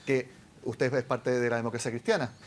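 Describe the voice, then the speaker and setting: A man's voice: mid-range voice, flat delivery, brisk, slight background noise. A Chilean man hosting a TV news interview, asking pointed, pressing questions. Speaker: TV news host.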